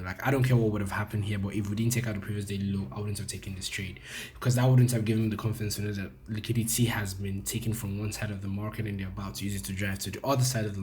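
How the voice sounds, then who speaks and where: Low-voiced man reviewing trades casually. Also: darkish tone, a little hiss or hum. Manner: loose and conversational, frequent fillers and restarts. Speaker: forex trading educator.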